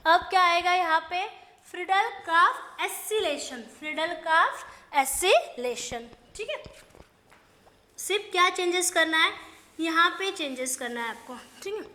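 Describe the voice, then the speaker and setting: A woman's voice: very high-pitched, animated, sharp tone. A woman teaching an online chemistry lesson, mixing Hindi and English, asking and answering her own questions. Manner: dictates slowly in English, quick in Hindi.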